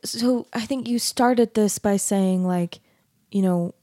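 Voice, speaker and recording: A woman interviews an artist in an easygoing chat, her voice dark and mellow. She speaks gently and hesitantly, often pausing on fillers. The recording is dry and close. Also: mid-range voice, no echo. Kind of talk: conversational interview.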